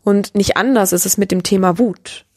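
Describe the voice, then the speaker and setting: A woman's voice: mid-range voice, moderate pace, darkish tone, no room sound, studio quality. A woman in her thirties talking earnestly and reflectively as a mother, often restarting her sentences and checking in with "ja?". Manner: earnest, searching, with restarts and frequent "ja?". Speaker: mother sharing parenting reflections. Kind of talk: personal reflective talk.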